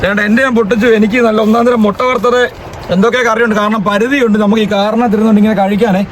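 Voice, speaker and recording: A man vlogs casually in a fairly high voice at a very quick pace. He, mixes in English words and repeats himself excitedly. It is a noisy recording from in and around a car. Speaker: family vlogger, host. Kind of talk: casual vlog chat to camera. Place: in and beside a parked car in rain. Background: vehicle and urban outdoor noise.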